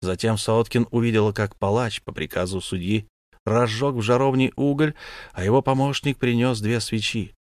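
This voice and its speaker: A man narrating an audiobook in a measured, grave reading. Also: medium pitch, fairly even intonation, no echo. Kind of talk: scripted storybook narration.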